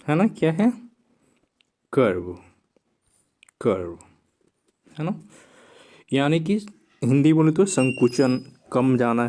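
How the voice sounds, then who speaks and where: Male tutor, slow and deliberate, repeats each word and checks in with short tag questions while writing on a board. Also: mid-range voice, a little mellow. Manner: writes on a board while explaining. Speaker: teacher. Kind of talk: exam vocabulary lesson.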